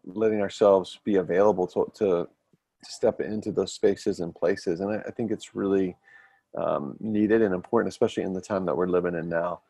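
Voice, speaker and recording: Low, husky-voiced male host. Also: steady tone, no echo. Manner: warm affirming, halting restarts. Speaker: podcast host. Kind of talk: casual interview chat.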